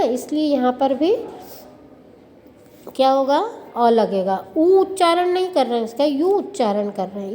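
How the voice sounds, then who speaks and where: Woman teacher, slow explaining lesson, echoey room with faint noise. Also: sits high, mellow. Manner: slow, explaining, asks rhetorical questions and answers them. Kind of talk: classroom grammar lesson.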